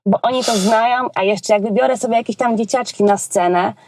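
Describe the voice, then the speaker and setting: A woman's voice: fairly high pitch, fairly quick, a little mellow, a little hiss or hum. A woman from Poland, a children's entertainer, talking casually in an interview with lots of hesitations and colloquial asides. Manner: chatty and colloquial, frequent hesitations.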